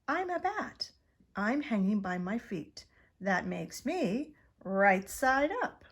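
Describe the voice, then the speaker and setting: A woman's voice: mid-range voice, sing-song, slow, slightly rough, heavily acted. A woman voicing a self-assured, peculiar bat from a children's storybook, correcting someone matter-of-factly. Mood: matter-of-fact, insistent.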